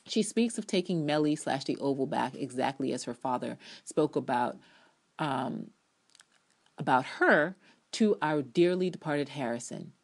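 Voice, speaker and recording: Expressive and a little slow, this woman has a bass voice. She reviews TV episodes and here reads one of her written reviews with drama and conviction, elongating key words and making casual side comments.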